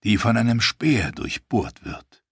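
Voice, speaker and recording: A grave old knight, quiet and serious, voiced by a male reader. The voice is lower than the reader's usual delivery and recorded dry and close. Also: very animated, slow pace, vocal fry, slightly rough, no echo, full character voice.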